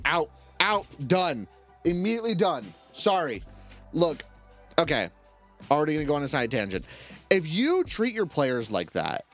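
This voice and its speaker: A man's voice: mid-range voice, no echo. A man reads role-playing stories aloud on a stream, his voice swinging widely up and down as he breaks into heated, profane tangents. He trips over words and backs up to correct himself. Faint music plays underneath. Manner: animated, swears, goes off on rants and tangents; stumbles and corrects himself while reading. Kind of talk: reading stories aloud with commentary.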